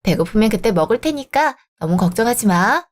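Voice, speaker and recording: A woman's voice: medium pitch, lively intonation, fairly quick, natural voice. A woman voicing a spoiled, sulky young sister-in-law who whines childishly. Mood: whiny.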